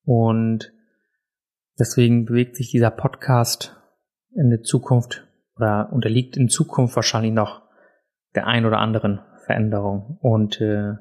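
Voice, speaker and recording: A man's voice: on the low side, level tone, a little slow, a little mellow. A man talks casually into a desk microphone as the host of his own podcast. He is chatty and pokes fun at himself, with frequent um and uh fillers. He sits indoors in a room set up for recording. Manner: chatty, self-deprecating, many filler sounds. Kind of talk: casual solo podcast chat. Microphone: podcast mic on a desk, also filmed for video.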